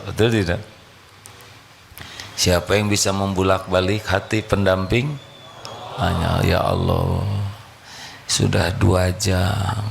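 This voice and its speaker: A man's voice: sits low, vocal fry, slight background noise. A male preacher, giving a sermon and playfully quizzing his audience. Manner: playful, questioning the audience directly.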